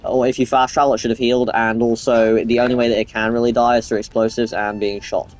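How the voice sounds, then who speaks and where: A man's voice: mid-range voice, flat delivery, fast talker. A man giving casual gameplay commentary, rambling, swearing freely and restarting his sentences. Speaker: gamer playing on camera.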